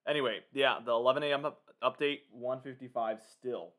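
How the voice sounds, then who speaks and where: A man's voice: medium pitch, steady tone, fairly quick, a bit bright. Casual man doing live storm commentary. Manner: informal, thinking aloud, addressing viewers. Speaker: livestream weather commentator.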